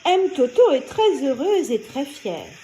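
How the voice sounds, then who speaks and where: Brief: expressive female narrator reading a children's tale aloud, high and animated. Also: unhurried, slight background noise. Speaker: storyteller. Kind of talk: children's story read aloud.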